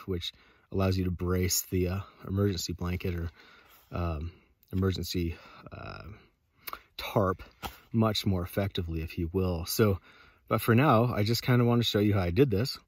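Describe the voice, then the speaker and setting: A man in his thirties speaks in a fairly low voice, explaining things casually for a vlog. His delivery is informal and a bit halting. The sound is very dry, picked up at arm's length inside a tight little snow shelter. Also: breathy edge, no room sound. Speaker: host of an outdoor radio channel. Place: inside a small snow shelter under a tarp. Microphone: phone or camera at arm's length.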